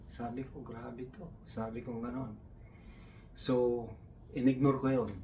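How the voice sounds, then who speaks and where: A man's voice: mid-range voice, level tone, slow, warm tone, far from the mic, slight background noise. A man from the Philippines doing stand-up storytelling, taking on his coworkers' broken English in a raised voice. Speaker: comedian.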